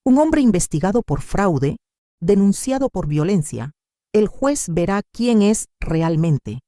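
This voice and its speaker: A man's voice: sits high, big pitch swings, takes it slowly, warm tone, no room sound, clean studio sound, pitched above the performer's own voice, heavily acted. A woman voicing a firm, determined male lawyer. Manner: firm and earnest.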